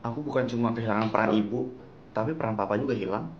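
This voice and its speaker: A man's voice: fairly low pitch, fast talker, muffled recording, a little hiss or hum, natural voice. A man playing a neglected teenage son who pleads with his parents for love, wounded and bitter. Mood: hurt. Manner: wounded, pleading, turns accusing.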